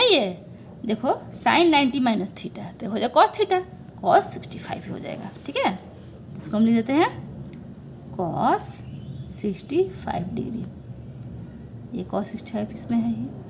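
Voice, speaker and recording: A woman's voice: high voice, vocal fry, slight background noise. A young woman maths teacher explaining step by step, talking to her students as children and checking they follow along. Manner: coaxing, checks understanding with frequent "okay"; addresses viewers as children.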